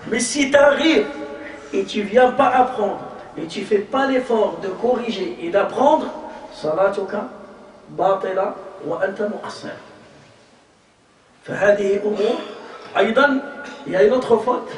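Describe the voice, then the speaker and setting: A man's voice: sits high, normal speed, long pauses, a little hiss or hum. A man teaching a religious lesson to a group, repeating points with emphasis, demonstrating pronunciation and asking rhetorical questions. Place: hall of a community association. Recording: echoey hall, mic far off.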